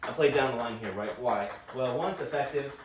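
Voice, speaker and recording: A man's voice: mid-range voice, brisk. A man coaching table tennis as he practices, thinking aloud and often checking in with "right?", slightly out of breath. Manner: explains while training, thinking aloud, many "right?" tags. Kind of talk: casual coaching talk during practice. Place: home room with table tennis robot. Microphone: camera mic from a distance. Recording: echoey room, distant mic, faint noise.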